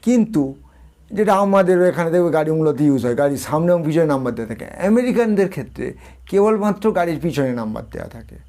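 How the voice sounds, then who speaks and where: A male tutor from India gives a spoken lesson in a slightly high voice. He states each term, repeats it, and puts questions to the listener. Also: animated, fast talker, dark tone. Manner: explains each term, then repeats it and quizzes the viewer. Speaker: English tutor.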